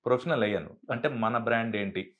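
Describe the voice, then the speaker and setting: Speaking quickly at medium pitch, this man, a dubbing artist from Andhra Pradesh, India, is animated in a casual interview. He recounts stories and performs the voices of those he quotes. The sound is phone quality.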